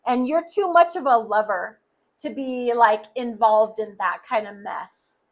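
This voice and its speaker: A woman's voice: a little high, unhurried. A woman giving a tarot card reading, speaking earnestly and straight to the listener. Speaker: tarot reader.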